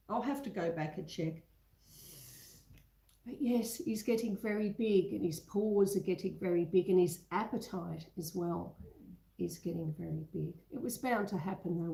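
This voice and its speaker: Talking from a spacious room in her house, this Australian homesteading channel host chats with her livestream viewers and replies to their comments, her nose still slightly stuffed up. She speaks on the high side, with a creaky, warm voice. The sound is roomy and the audio quality poor.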